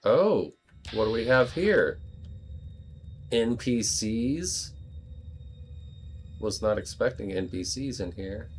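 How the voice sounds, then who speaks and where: Let's play host: American man, very low voice, rambling and jokey, faint music under him. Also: expressive, slow pace, pauses often. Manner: rambling, joking asides. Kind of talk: casual gameplay commentary.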